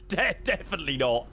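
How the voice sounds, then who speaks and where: A man chatting casually as a flight sim streamer, switching into pilot readbacks. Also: fairly high pitch. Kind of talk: casual chat mixed with radio readbacks.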